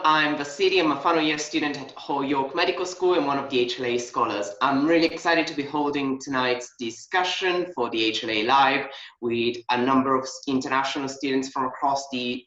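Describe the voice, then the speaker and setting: A man's voice: medium pitch, bright, forceful tone, reverberant, muffled recording. A young man from Italy hosting an online panel, upbeat, with frequent ums. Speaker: host, medical student. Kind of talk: hosting a video-call panel.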